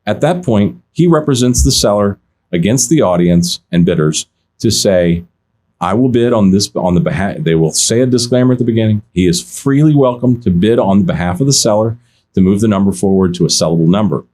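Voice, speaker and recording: Brisk and on the low side, a man who works car auctions recounts animated anecdotes during a relaxed podcast. He restarts sentences often and relays other people's words.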